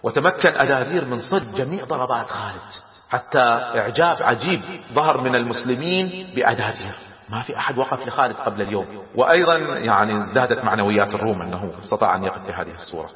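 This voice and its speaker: A man telling a historical story in a lively, dramatic way, often chuckling. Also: mid-range voice, quick pace. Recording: echoey hall, dull lo-fi sound.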